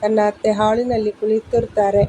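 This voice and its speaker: A woman narrating a family story in a calm, even storytelling manner. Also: medium pitch, brisk, slight background noise, rough recording.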